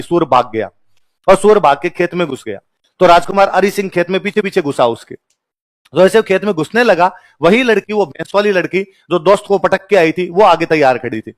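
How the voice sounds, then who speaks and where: A man teaching history, telling stories, joking and quizzing the class. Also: sits high. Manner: chatty, jokes and laughs. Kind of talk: history lecture with storytelling.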